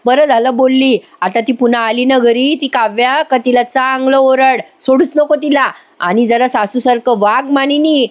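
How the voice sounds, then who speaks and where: A woman voicing a bossy, scheming older aunt who talks in a slow, emphatic, gloating way. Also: high-pitched, steady tone, lightly acted.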